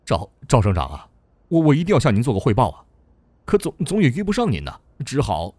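A man's voice: on the low side, huge pitch swings, normal speed, a little mellow, dry recording, pitched below the performer's own voice. A man voicing a frightened male company boss who stammers and pleads with a tearful tone. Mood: pleading. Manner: stammering, near tears.

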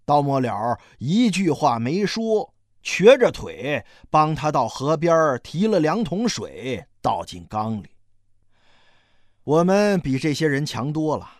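Expressive audiobook storyteller. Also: mid-range voice, no room sound, clean studio sound. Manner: expressive, slow and dramatic. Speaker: narrator.

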